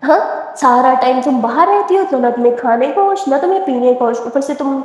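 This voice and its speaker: A strict, scolding middle-aged aunt from a spoken story, voiced by a woman narrator. Her tone is stern while the voice stays mellow. A long reverb trails every line. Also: high-pitched, animated. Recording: echoey room with long reverb.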